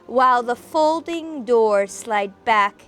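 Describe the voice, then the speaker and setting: At her home workspace, a woman acting as an amateur host chats casually, then gives a theatrical, dramatic reading of a gothic horror story. Her voice is a little high, bright, smooth and expressive, taking it slowly over soft background music.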